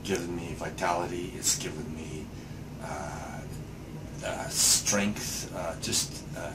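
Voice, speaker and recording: A man's voice: sits low, steady tone, takes it slowly, very noisy. A man in his sixties, speaking hesitantly with many fillers and restarts while giving a patient testimonial in a small clinic room. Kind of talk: casual interview answers.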